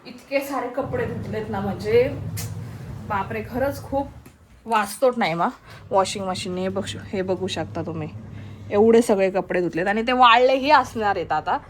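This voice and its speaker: A woman's voice: medium pitch, normal speed, rough recording. A young woman chatting casually in a home vlog, repeating herself and turning aside to talk to her baby. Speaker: family vlogger. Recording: loud background noise.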